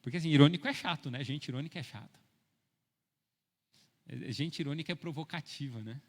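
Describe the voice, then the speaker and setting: Middle-aged Brazilian pastor, ironic storyteller, fairly high voice, echoing church hall. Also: male voice, fairly quick. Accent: Brazilian Portuguese. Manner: storytelling, ironic, swings from soft asides to loud preaching. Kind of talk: sermon. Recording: long church hall reverb.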